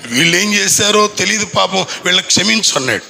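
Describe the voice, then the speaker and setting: Man, pastor, sermon, high voice, gravelly, very sharp tone, faint traffic behind. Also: lively intonation, fast, low-quality recording. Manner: impassioned preaching with repeated rhetorical questions. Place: church anniversary gathering in a village.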